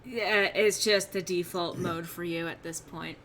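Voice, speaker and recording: Woman streamer host, bright and sharp tone, chatty self-mocking rambles, slightly subdued from feeling unwell. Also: fairly low pitch, fairly even intonation, unhurried, a little hiss or hum. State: slightly under the weather, subdued. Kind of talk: casual gameplay stream chat.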